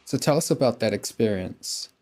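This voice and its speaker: A male podcast host with a lowish voice opens the show and puts questions to his guest in a relaxed, conversational style at a moderate pace.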